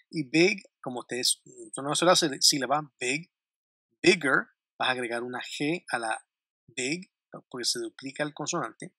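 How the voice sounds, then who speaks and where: Bright-voiced man teaching grammar. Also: mid-range voice, no echo, studio quality. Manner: repeats word lists slowly and clearly, with light laughs. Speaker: English teacher. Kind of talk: grammar lesson explaining English to Spanish speakers.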